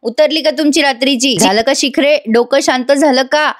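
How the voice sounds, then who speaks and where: A woman's voice: sits high, moderate pace, voice pushed up, close to an everyday voice. A woman voicing a stern, commanding woman who scolds in short, curt lines. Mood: scolding.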